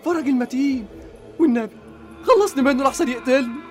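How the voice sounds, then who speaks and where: A man's voice: extremely high pitch, fast, faint music behind. An Egyptian-accented actor playing a cowardly young man who pleads and panics. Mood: panicky. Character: cowardly young man, jittery, easily terrified.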